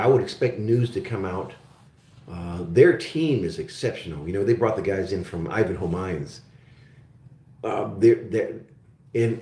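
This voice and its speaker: A man with a low, warm voice, German by birth and Oklahoman by upbringing, hosts a live call-in show covering metals and resource stocks. His casual talk wanders, packed with fillers and restarts, and echoes around the room.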